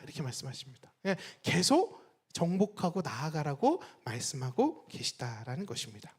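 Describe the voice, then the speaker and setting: A woman's voice: fairly low pitch, husky. A woman pastor preaching a sermon, often putting rhetorical questions to her congregation. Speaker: senior pastor.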